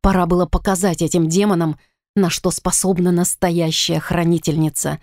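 A woman narrating a first-person fantasy audiobook in an expressive, dramatic reading. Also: on the low side, moderate pace, no echo, clean studio sound.

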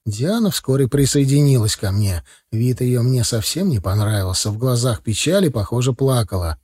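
Man, audiobook narrator, first-person story, animated intonation, mellow husky tone. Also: mid-range voice, normal speed. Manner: lively storytelling, voices the dialogue.

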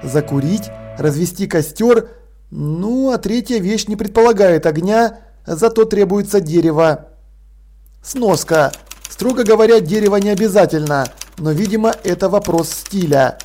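High-voiced man reading a story, deadpan. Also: normal speed, soft background music. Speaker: audiobook narrator. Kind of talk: scripted narration.

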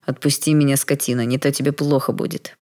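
A man's voice: flat delivery, quick pace, a little mellow, close to an everyday voice. A woman reading an audiobook, voicing a coarse, rude redheaded young male bully. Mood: snarling. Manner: coarse, snarling, later shrill and panicky.

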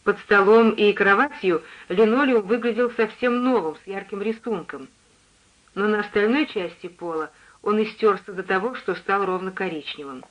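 A man giving a measured, descriptive reading of a first-person story as scripted audiobook narration. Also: high-pitched, muffled recording. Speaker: reader.

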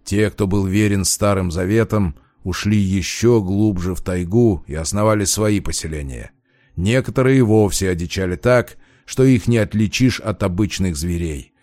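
A man voicing a weary, gruff old male wolf shapeshifter in an audiobook, speaking low and grumbling. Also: normal speed, a little mellow, no echo, clean studio sound, lightly acted. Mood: grim. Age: older. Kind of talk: audiobook character voice.

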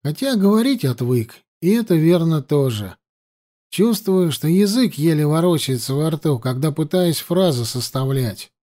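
A man's voice: a little high, lively intonation, normal speed, dark tone, close to an everyday voice. A man voicing a blunt, joking necromancer buddy. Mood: wry.

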